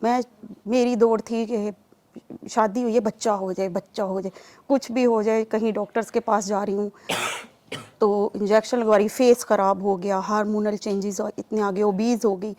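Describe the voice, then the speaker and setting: A woman's voice: medium pitch, little pitch movement, mellow. A woman from Pakistan giving an earnest personal testimony in an interview, growing emphatic and pleading as she recounts. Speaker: testimony giver.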